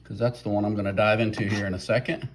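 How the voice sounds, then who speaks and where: A middle-aged man hosting a casual cooking vlog, talking in a relaxed, folksy way with many fillers, filming on a phone he holds. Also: lowish voice, quick pace, slight background noise. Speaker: fan forum founder and video host. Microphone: phone held by the speaker.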